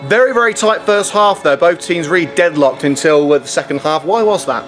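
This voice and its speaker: Quick, higher-voiced club TV interviewer. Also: male voice, animated, a bit bright, soft background music. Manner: upbeat presenter questions. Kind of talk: post-match interview.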